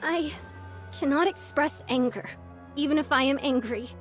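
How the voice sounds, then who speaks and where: A woman voicing a sullen, bitter young android girl in an anime game, halting and full of simmering grief. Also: high voice, faint music behind, natural voice. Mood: tense, resentful. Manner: halting, refers to herself in third person.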